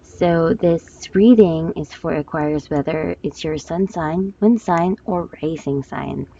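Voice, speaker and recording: A woman with a hoarse voice giving a monthly love forecast as a tarot reader, talking gently and hesitantly with many fillers. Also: low voice, takes it slowly, muffled recording.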